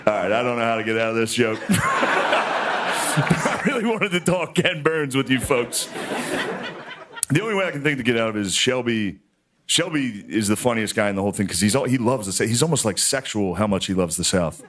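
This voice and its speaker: A man in his thirties doing stand-up comedy, loose and conversational with deadpan asides, on a stage before a live audience. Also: medium pitch, a little fast. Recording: live show with audience noise. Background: audience laughter.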